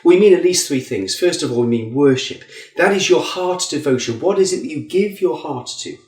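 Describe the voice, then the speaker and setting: A man's voice: lively intonation, fairly quick, darkish tone. A man giving an earnest Bible teaching talk as a preacher, lifting his voice for emphasis. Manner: earnest, rising in pitch for emphasis. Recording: echoey room.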